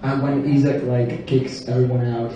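Young man, animated panel guest, distant echoey hall. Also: mid-range voice, normal speed. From Italy. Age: 20s. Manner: animated, gushing, laughs easily. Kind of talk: casual panel chat. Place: convention stage, indoor hall. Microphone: handheld mic, far camera. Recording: echoey hall from far off, faint noise.

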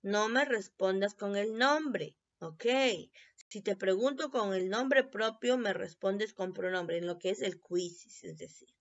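Slow-spoken woman teaching English phrases. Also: mid-range voice. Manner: explains in Spanish, repeats English phrases slowly for pronunciation. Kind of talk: recorded classroom review lesson. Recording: dull lo-fi recording.

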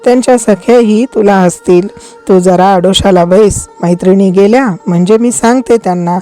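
A woman's voice: medium pitch, normal speed, lightly acted. Woman reading as an anxious palace maid. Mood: wary. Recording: soft music behind.

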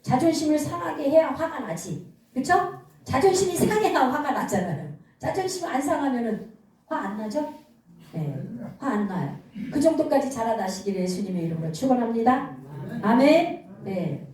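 Woman, pastor, sermon, call-and-response, fairly high voice, far-off mic in a very echoey church. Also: sing-song, moderate pace, a little mellow. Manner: call-and-response preaching, answering her own questions.

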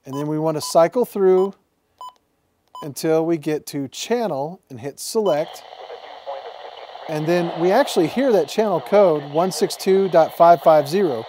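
Against a noisy background, a TV meteorologist with a slightly high voice takes his time explaining how to set up a radio. He stands in the weather studio, giving a friendly, step-by-step instructional demonstration.

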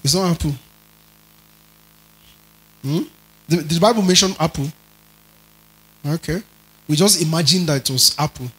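Guy preaching, high bright voice, goes from quiet to shouting, keeps asking the crowd if they get it. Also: normal speed, long pauses, rough recording. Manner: dramatic preaching, shifts between soft asides and shouted emphasis; asks the congregation questions. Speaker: pastor. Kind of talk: sermon.

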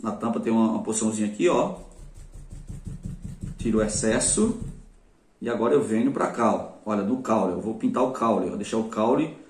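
A man with a Brazilian Portuguese accent teaches a craft step by step in a casual, chatty tutorial, often addressing viewers and praising his own work. His fairly low, darkish voice is animated and brisk, broken by long pauses. A distant mic gives the sound a roomy quality.

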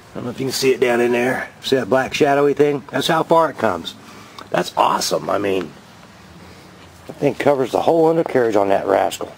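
Here a fifty-something man vlogs a rambling show-and-tell beside his garage outdoors, handheld camera in hand, thrilled by what he's found. His pitch is medium; the audio is poor and has slight background noise.

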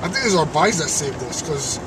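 A man's voice: on the high side, expressive, fast. A man in his twenties chatting casually for a vlog, rambling and weary, swearing freely. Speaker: video creator, vlogger. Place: inside a car. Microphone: camera in the car, off from the mouth. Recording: noisy car interior, distant mic.

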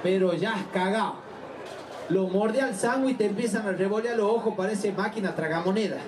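A man with a Tucumán Argentine accent doing live stand-up comedy, with a rapid, bawdy punchline delivery. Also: high voice, noisy background. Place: outdoor festival stage. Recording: distant, echoey live stage recording with crowd.

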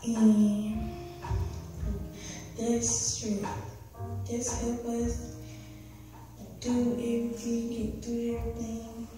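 Slow, halting woman praying in church. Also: a little high, completely flat delivery, music in the background. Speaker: youth praying aloud in church. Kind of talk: spoken prayer. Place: large church sanctuary. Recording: echoey church from far off.

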